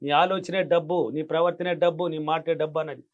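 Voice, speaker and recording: A man's voice: a little high, steady tone, a little fast. A man giving emphatic money-affirmation advice in an interview, repeating his key phrases. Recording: dull lo-fi sound.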